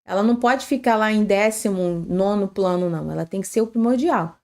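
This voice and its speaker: A woman's voice: mid-range voice, fairly quick, darkish tone. Earnest woman giving workplace advice. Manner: earnest and advisory, with frequent "tá?" and "né?" tags and self-corrections. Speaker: panelist on a live workplace-safety broadcast. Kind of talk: conversational advice on a live stream.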